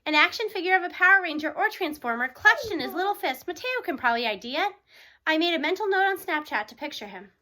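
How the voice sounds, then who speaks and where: Here a woman narrates a children's book in the first person, her voice very high and bright. As an audiobook reader she moves at a quick pace, full of animated expression, dramatizing each part of the tale.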